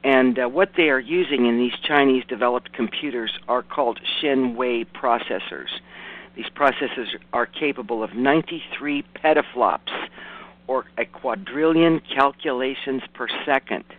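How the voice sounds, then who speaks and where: A man with a raspy, hoarse voice hosting a radio show, reporting news informally with folksy asides and stopping to correct himself. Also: mid-range voice, moderate pace. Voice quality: raspy, rough voice. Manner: self-correcting, hesitant delivery with folksy asides. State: hoarse from hay fever. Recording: muffled, narrowband radio broadcast.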